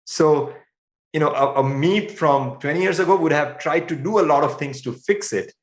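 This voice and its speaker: A man's voice: a little high, moderate pace, roomy sound. A man as a podcast guest, talking in an earnest, thoughtful way and often restarting his phrases. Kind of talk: reflective interview talk.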